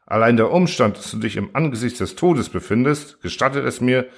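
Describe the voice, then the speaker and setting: A man's voice: mid-range voice, animated, fairly quick, gravelly. A man voicing a stern, helpless mayor who speaks formally.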